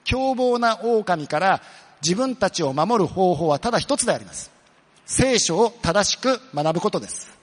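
Lively high-voiced male pastor preaching. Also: big-room sound. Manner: earnest, questions the listeners then answers, slows down for emphasis. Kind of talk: sermon.

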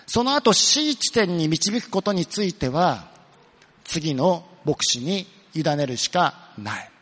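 A man speaks as a pastor with a slightly high, expressive voice that is a bit bright and husky, and the sound carries like a big room. His sermon is earnest; he questions his listeners, answers for them, and slows down when he wants something to land.

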